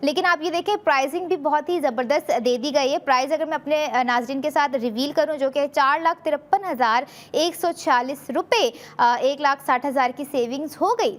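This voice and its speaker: A woman with a Pakistani Urdu accent hosting a TV shopping show, giving a persuasive sales pitch full of fillers. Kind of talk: TV shopping presentation.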